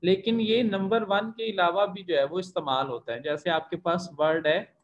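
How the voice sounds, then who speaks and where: A man's voice: sits high, fairly even intonation, normal speed, dull audio. A man teaching an online language class, explaining pronunciation patiently and drawing out example syllables. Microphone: online class recording.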